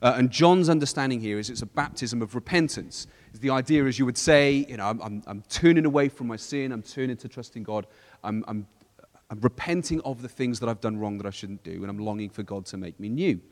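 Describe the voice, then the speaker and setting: A man from a church team explaining Bible passages in a relaxed discussion, often restarting phrases and quoting scripture. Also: medium pitch, brisk, big-room sound. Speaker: church leader. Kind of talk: casual Bible study discussion.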